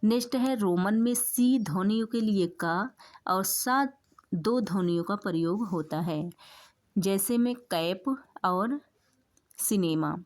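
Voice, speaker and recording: Female teacher, exam-prep lecture, steady explanatory delivery, repeats key points, average-pitched voice. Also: takes it slowly.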